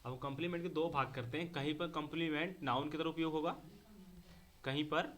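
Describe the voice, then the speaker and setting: A man's voice: a little high, fairly even intonation, brisk, a bit bright. A man teaching a grammar lesson to a class. He speaks, repeats key words and keeps asking whether the students understand.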